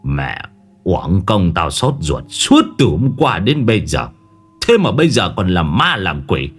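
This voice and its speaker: A man's voice: sing-song, rapid-fire, darkish tone, breathy edge, soft background music, heavily acted. A man voicing a panicked old village man who wails, pleads and then scolds. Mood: scolding. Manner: wailing, pleading, pitch leaping high.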